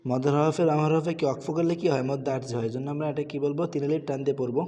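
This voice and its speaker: A man's voice: a little high, steady tone, racing, warm tone, long reverb tail. A man teaching Quran recitation, patiently spelling out letters and vowel marks and repeating each word before reciting it.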